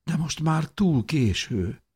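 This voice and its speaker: A man reading an audiobook, voicing a gentle, sorrowful young woman who speaks softly and half whispers. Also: mid-range voice, animated, breathy edge, voice pushed up. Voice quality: soft, whispery.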